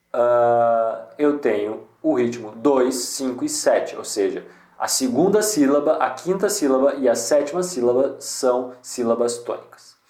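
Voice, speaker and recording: Relaxed man explaining, echoey room. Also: mid-range voice. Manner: relaxed, thinking aloud with many restarts and "né?". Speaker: poetry channel host. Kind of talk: casual screen-share tutorial.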